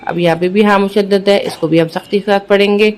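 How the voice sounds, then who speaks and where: A Quran reading teacher with a Pakistani Urdu accent, sounding out letters and syllables slowly and then explaining each rule quickly. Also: fairly even intonation, clean tone. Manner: drawn-out syllables, then brisk low explanations. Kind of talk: slow letter-by-letter recitation drills with quick explanations.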